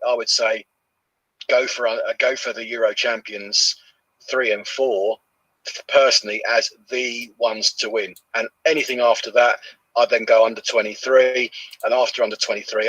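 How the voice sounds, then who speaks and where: A man giving his views as a podcast guest, casual and a little halting. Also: mid-range voice, fairly even intonation, fairly bright tone, slightly rough, no room sound, highs cut off. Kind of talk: casual strategy talk.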